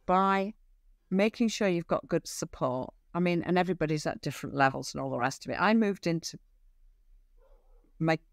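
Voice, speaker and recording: A middle-aged woman, an equine behaviour expert, talking casually in an interview, animated and acting out little dialogues with frequent restarts. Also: lowish voice, normal speed, no echo. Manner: animated, acts out quoted dialogue, many restarts.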